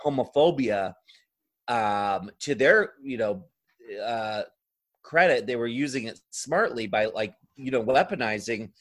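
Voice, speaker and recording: A man appears as an interview guest on a casual podcast; he's a drag performer. His medium-pitched voice has lively intonation and an unhurried pace as he thinks aloud discursively, leaning on frequent filler phrases.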